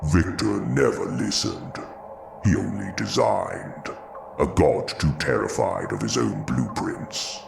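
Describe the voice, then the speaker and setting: A man playing Frankenstein's monster, a bitter, grieving, philosophical creature, in an audio drama with slow, brooding, gravelly speech. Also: expressive, exaggerated voice. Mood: sombre, wounded. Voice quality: deep, gravelly. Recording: clearly noisy background ambience.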